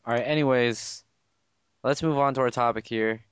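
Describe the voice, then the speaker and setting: A man's voice: medium pitch, steady tone, moderate pace, smooth, dry recording. A young man hosting a casual podcast chat, dry and unimpressed, steering the conversation along. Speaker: podcast host.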